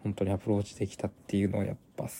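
A man's voice: fairly low pitch, monotone, very fast, dark tone, a little hiss or hum. A young man hosting a casual solo podcast, rambling with many restarts and repeated fillers. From Japan. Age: young adult. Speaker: podcast host.

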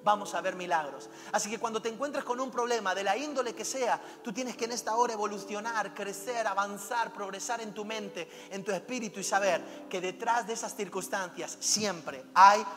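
A male pastor delivers a fervent, exhorting sermon and drops personal stories into it. His high voice carries through a long-reverb hall while music plays underneath. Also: normal speed, hardly any pauses.

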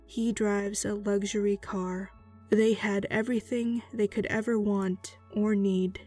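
Woman playing a slow, sultry horror hostess. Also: medium pitch, warm tone. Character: the Dark Lady, sultry sinister horror hostess. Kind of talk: scripted horror podcast introduction.

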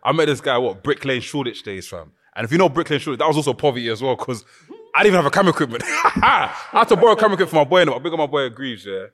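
A man's voice: medium pitch, sing-song, very fast, fairly bright tone, big-room sound. A man with a London roadman accent and heavy street slang, casually hosting and hyping up guests on a podcast. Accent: London, urban street slang. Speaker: podcast host. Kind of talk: casual hype introductions of guests.

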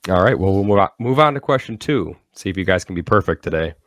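Man, very deep voice, steady and deliberate, quiz host, dry close mic. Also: no echo. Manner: steady, reads questions slowly and deliberately. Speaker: podcast co-host running trivia. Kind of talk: casual chat, quiz hosting.

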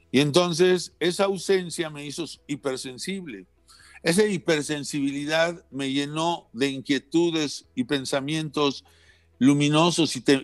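Reflective male guest, gravelly voice, dry recording over soft music. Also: fairly high pitch, dry recording. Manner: earnest, introspective, repeats words. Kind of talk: reflective personal conversation.

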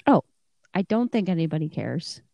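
Giggly woman podcast co-host, low voice. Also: sing-song, moderate pace, gravelly, mellow, no echo. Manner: giggly, rambling with fillers. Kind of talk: casual podcast chat.

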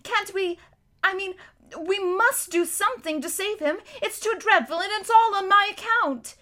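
An anxious young girl, earnest and pleading, as a woman reads her aloud. Her voice rides very high with rushed urgency. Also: sharp tone.

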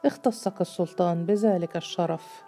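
A woman voicing a scheming male governor in a storybook, teasing and smooth. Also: fairly low pitch, normal speed, mellow, soft background music, lightly acted. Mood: coaxing.

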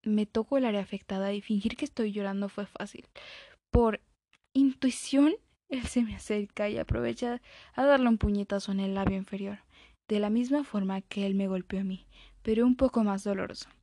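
A woman reading a first-person story aloud, dramatic and expressive, dropping into whispers now and then. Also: medium pitch, normal speed, no echo, studio quality.

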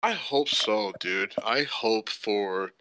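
A man's voice: on the low side, slow, sharp tone, no room sound. A man co-hosting a casual sports podcast, laid-back and saying "dude" and "bro" a lot. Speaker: podcast co-host.

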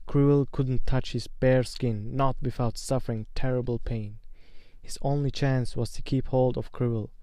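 A man reading a fantasy novel aloud in a slow, measured, dramatic way. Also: medium pitch, steady tone, warm tone, no echo. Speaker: narrator.

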